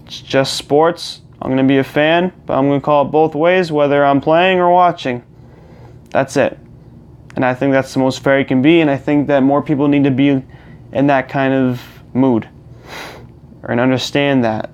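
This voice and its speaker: A man's voice: medium pitch, steady tone, normal speed, smooth. A young man hosting his own channel, talking through a rambling, casual rant into a personal mic, restarting and repeating himself. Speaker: gaming channel host. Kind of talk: casual ranting monologue.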